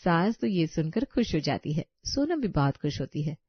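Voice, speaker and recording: A woman's voice: low voice, very animated, normal speed, husky, dry recording, dull audio. A woman narrating a cartoon story in a plain storytelling voice.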